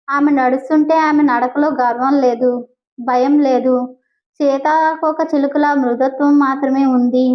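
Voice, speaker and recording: A woman storyteller reading a scripted audio story in a steady, descriptive way, on a dull lo-fi recording. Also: high voice.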